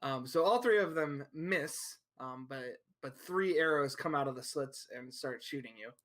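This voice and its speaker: A man with an ordinary mid-range voice runs the tabletop game as game master. He describes the scene and calls for rolls in a halting way, with frequent ums. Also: medium pitch, expressive, fairly bright tone. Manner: hesitant, lots of ums, reads out scene descriptions.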